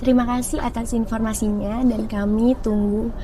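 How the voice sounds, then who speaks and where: A woman's voice: a little high, level tone, moderate pace, background noise, lightly acted. A young woman playing a courteous office receptionist, in a polite, formal customer service voice. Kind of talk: role-played business phone call.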